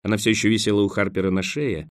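A man narrating an adventure novel as an audiobook, steady and measured. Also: fairly low pitch, no echo, clean studio sound. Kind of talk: scripted narration.

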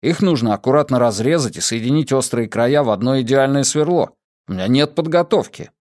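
A man voicing a grumbling young male sharpshooter with quick retorts in an audiobook. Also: mid-range voice, lively intonation, darkish tone, dry recording, studio quality, natural voice. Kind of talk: audiobook character voice.

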